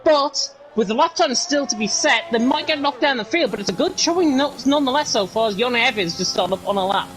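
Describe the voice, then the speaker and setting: A man with a Northern English accent calls an esports race in rapid play-by-play, his voice pitched strikingly high for a man. He drops in chatty asides to the viewers between lap times. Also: lively intonation, fairly bright tone, soft background music, rough recording. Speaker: lead commentator.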